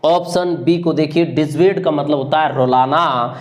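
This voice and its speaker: A man's voice: a little high, fairly even intonation, unhurried. A man from India teaching an exam-prep vocabulary lesson, repeating each word and its meaning again and again as a drill. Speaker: English teacher.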